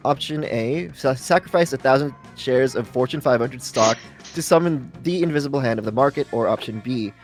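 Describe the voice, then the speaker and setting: A man's voice: mid-range voice, brisk. A man reading game narration aloud to a group as the narrator of a playthrough. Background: music.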